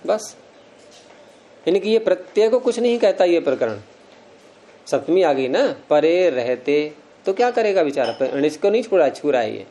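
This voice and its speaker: Mellow-voiced man teaching a class. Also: fairly high pitch, sing-song, normal speed. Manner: explains step by step, quizzes students. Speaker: Sanskrit grammar teacher. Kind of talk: classroom lecture. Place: classroom with students.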